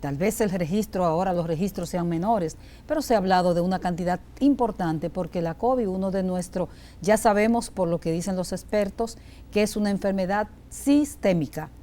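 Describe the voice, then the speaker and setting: Lady hosting a health show, warm mellow tone, keeps restarting her sentences. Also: lowish voice, moderate pace. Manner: conversational, self-correcting. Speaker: host.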